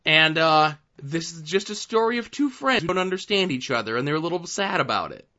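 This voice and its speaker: A man's voice: on the high side, lively intonation, fairly quick, bright, forceful tone, highs cut off. A man co-hosting a comic book podcast, chatting casually and enthusiastically with a lot of fillers. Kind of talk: casual chat reviewing comics.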